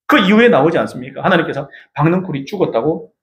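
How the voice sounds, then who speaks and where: A man preaching a Sunday sermon as pastor, animated and questioning his congregation in a church sanctuary. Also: fairly high pitch, fast. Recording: echoey church room.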